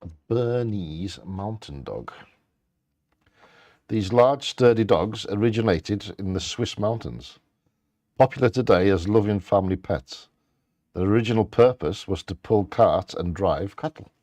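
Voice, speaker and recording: Male, bingo co-host, lowish pitch, reading facts, casual asides, dry sound. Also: moderate pace, darkish tone, no echo. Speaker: co-host of a live bingo game.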